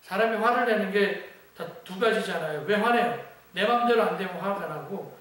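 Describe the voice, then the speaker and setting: A man's voice: sits high, normal speed, fairly bright tone. Male pastor in a very echoey church. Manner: conversational, with rhetorical questions. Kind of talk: midweek church sermon. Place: church sanctuary. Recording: very echoey church hall, distant mic.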